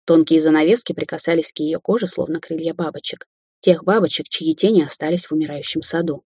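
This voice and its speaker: A woman reads a fantasy novel in an even, measured way. Her voice is low, dark and slightly husky. The recording is dry and close. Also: no room sound. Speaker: audiobook narrator. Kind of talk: scripted fantasy narration.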